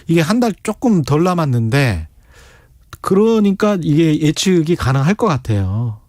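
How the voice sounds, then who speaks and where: A middle-aged man hosts a radio talk panel, playful and teasing. His slightly high voice moves up and down a lot. The studio sound is dry, with faint music underneath. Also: big pitch swings, normal speed, a little mellow, no room sound. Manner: playful, teasing, frequent short acknowledgments. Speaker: radio show host. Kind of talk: casual radio panel chat.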